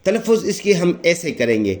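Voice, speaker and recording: A man with a Pakistani Urdu accent giving a patient recitation lesson, explaining each letter and repeating it slowly and drawn out. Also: high-pitched, big pitch swings, darkish tone. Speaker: Quran recitation teacher.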